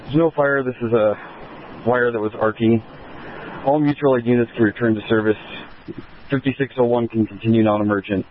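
A man's voice: mid-range voice, fairly even intonation, a little fast. Man speaking over police radio, tinny and crackly. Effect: police radio transmission. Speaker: fire incident commander. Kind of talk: terse radio traffic with unit numbers. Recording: tinny radio with faint static.

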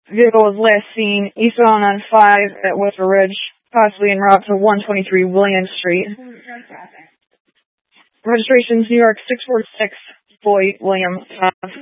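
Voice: medium pitch, dry recording. A police dispatcher giving a clipped, matter-of-fact call over police radio. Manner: clipped, matter-of-fact relay of codes and plates. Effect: police radio transmission. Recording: tinny, dry police radio.

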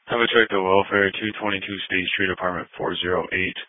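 A man working as an emergency dispatcher, giving flat, businesslike call-outs heard over a two-way radio. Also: deep voice, fast, dry recording. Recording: tinny, dry radio transmission.

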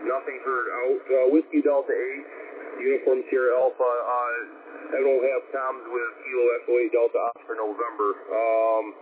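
Man in his usual range, net control on a two-way radio, halting, tinny band with faint hiss. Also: medium pitch, little pitch movement. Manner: halting, many filler pauses, formal call-and-over phrasing. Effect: heard over a two-way radio. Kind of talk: radio net procedure with call signs.

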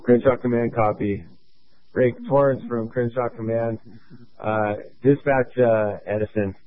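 A man's voice: mid-range voice, steady tone. A man acting as fire incident commander over a two-way radio, giving clipped orders with many fillers. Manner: clipped, procedural, halting with fillers. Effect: two-way radio transmission. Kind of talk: fire radio dispatch traffic. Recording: tinny radio channel, dry.

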